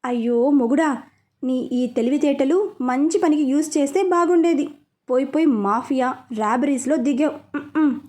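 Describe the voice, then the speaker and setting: A blunt, sharp-witted young gang leader, as a woman puts him on in an audio storybook. He talks in short, dry, clipped statements. The voice sits high and sounds mellow and soft-edged. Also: moderate pace. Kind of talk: storybook character reading.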